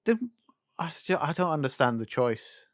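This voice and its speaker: A man's voice: a little high, sing-song, moderate pace, dry recording, studio quality. A young man co-hosting a casual, sweary chat, griping and asking rhetorical questions. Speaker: podcast co-host. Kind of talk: casual chat about animation and games.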